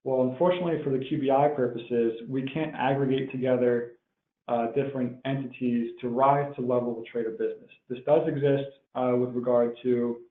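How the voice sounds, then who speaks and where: Through a tinny, phone-like connection with roomy echo, a medium-pitched man gives an explanatory tax webinar. He is a tax professional acting as the presenter.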